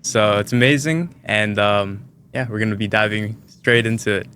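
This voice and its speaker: A man's voice: on the low side, moderate pace, fairly bright tone, slight background noise. A man hosting an interview podcast, introducing his guest casually and upbeat, with frequent short acknowledgements. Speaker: podcast host.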